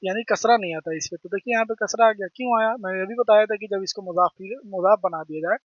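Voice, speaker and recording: A man's voice: high voice, dry recording, highs cut off. A man with a delivery teaching Arabic grammar, who keeps asking questions and answering them himself. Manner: repeats terms, asks and answers own questions. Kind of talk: explaining grammar lesson.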